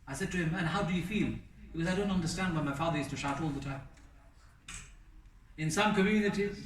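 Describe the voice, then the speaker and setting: A man's voice: a little high, a bit bright. A man giving a passionate sermon at a mosque, acting out quoted voices and repeating lines for emphasis. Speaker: mosque speaker. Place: large mosque hall. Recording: echoey hall, voice from far off.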